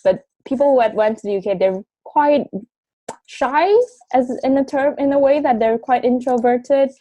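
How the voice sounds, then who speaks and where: Here the 21-year-old marketing graduate sounds high-pitched yet dark in tone, speaking at normal speed in a dry recording. She recounts her background, born in Taiwan and raised in Indonesia, in a chatty interview packed with fillers.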